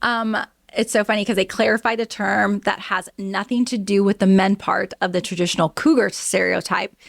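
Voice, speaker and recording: A woman's voice: medium pitch, steady tone, normal speed, gravelly, dry recording, clean studio sound. A woman in her early forties hosting a solo podcast, reading news items aloud and reacting to them in a candid, chatty way. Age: 40s. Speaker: host.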